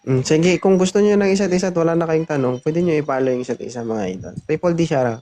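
A man's voice: a little high, quick pace. A man hosting a casual street interview, teasing and joking with frequent laughs. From Zambales. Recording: loud background noise.

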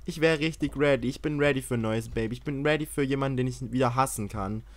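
A young man commentating a life-sim game he is playing, excitable and swearing, often yelling in mock outrage. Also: medium pitch, fast talker, no echo. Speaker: gaming YouTuber. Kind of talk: Let's Play commentary.

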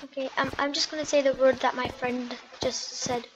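A woman giving chatty, excitable commentary while playing a computer game, often apologizing to her viewers. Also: sits high, normal speed, background noise. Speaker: gaming video host. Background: game music.

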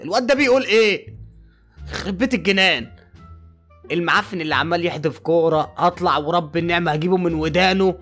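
This fan-made game movie clip features a man with an Egyptian accent playing a fed-up asylum doctor, first scolding his patients, then coaxing them. He talks quickly in a high-pitched, slightly bright voice over faint background music.

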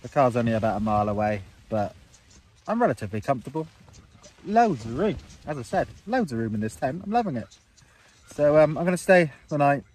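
A man's voice: medium pitch, sing-song, brisk, a little mellow. Man, forties, vlogger in a tent, phone camera up close, upbeat, rambling. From England. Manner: rambling, filler-heavy, upbeat. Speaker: wild camping vlogger. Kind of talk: casual vlog talk to camera. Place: inside a small tent on open moorland. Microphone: phone camera held close.

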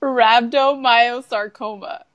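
Giggly woman guest, slightly high voice. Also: fairly even intonation, slow, fairly bright tone, muffled recording, slight background noise. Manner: giggly, self-deprecating. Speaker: guest nurse. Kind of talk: casual live-stream chat.

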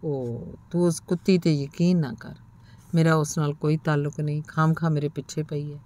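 A woman's voice: low-pitched, fairly even intonation, normal speed, dark tone, close to an everyday voice. A woman reading the lines of a scornful, boastful young man in a story, dismissive and sneering.

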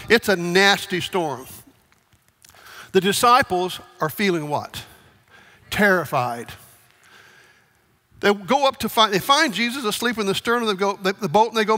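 Male pastor, conversational sermon, high bright voice, reverberant church sanctuary. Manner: conversational, asks the congregation for raised hands. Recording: long church hall reverb.

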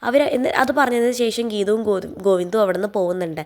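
A woman's voice: medium pitch, quick pace, darkish tone. A woman casually retelling a TV serial episode scene by scene. She keeps the story moving with repeated reporting phrases and small restarts. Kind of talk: casual spoken plot recap.

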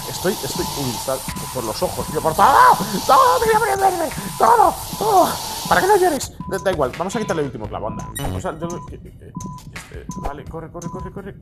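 A man doing excitable gameplay commentary, bursting into shouts and laughs between mumbled asides. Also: high voice. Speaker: gaming video host. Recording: music playing behind.

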